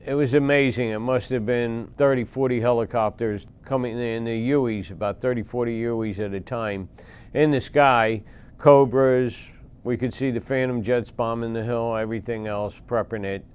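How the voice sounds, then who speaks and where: A man's voice: medium pitch, steady tone, darkish tone, clear, resonant tone. Plain-spoken man in his sixties. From Philadelphia, USA. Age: 60s. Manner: plain-spoken, halting with pauses and fillers. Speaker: veteran interviewee. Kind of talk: recounting war memories.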